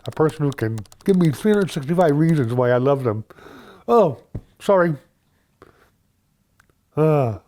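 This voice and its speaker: An older man, interviewed for a news feature, who speaks softly and reads his own love notes aloud. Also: a little high, lively intonation, quick pace, few pauses. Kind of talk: interview and reading.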